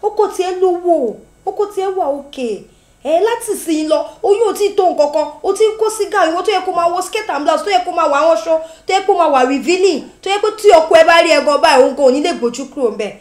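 An actress with a Nigerian accent playing a blunt friend who scolds and lectures. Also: female voice, extremely high pitch, lively intonation, very fast. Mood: scolding. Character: blunt young female friend, scolding and bossy. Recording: echoey room.

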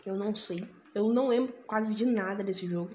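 A woman's voice: medium pitch, a little fast, darkish tone, a little hiss or hum. A woman with a Brazilian Portuguese accent hosting a casual, profane let's play of a horror game, laughing along. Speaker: gaming channel host. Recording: echoey room, game music behind.

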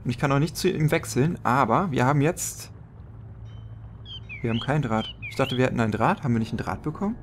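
A man's voice: mid-range voice, fast, a little hiss or hum. A man giving casual, joking game commentary as a let's player, thinking aloud as he plays.

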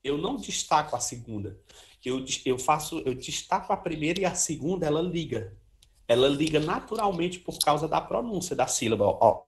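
A man's voice: a little high, animated, moderate pace. A man teaching a casual trombone lesson, talking freely and singing short syllables to show articulation. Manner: chatty, sings syllables, many "ó" and "né" tags. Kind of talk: informal music lesson.

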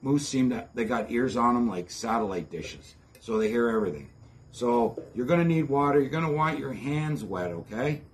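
A man's voice: medium pitch, expressive, moderate pace, slight background noise. Folksy middle-aged Ontario man. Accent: Ontario Canadian. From Ontario, Canada. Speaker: host of outdoor preparedness channel. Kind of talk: casual how-to demonstration to camera. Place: covered backyard patio, outdoors.

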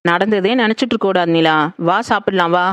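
A woman voicing a caring elder sister-in-law who consoles gently, in a horror audio drama. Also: mid-range voice, fairly even intonation, brisk, clean tone, no echo, lightly acted. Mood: consoling. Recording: dull lo-fi, dry.

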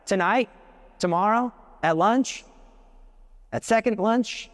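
A man's voice: high voice, takes it slowly. A man giving a live devotional talk to an audience. He is passionate and emphatic, with big swings in his voice and joking asides. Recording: long hall reverb.

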